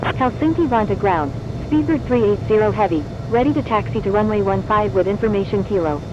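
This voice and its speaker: A woman's voice: mid-range voice, animated, brisk. A synthetic-sounding woman pilot speaking clipped radio phrases over a cockpit radio. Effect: cockpit radio transmission. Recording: muffled radio over engine noise.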